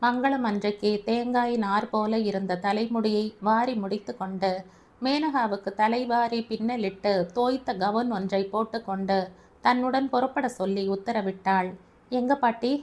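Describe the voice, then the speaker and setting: A woman narrating a family audio novel in a steady storytelling manner. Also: on the high side, unhurried.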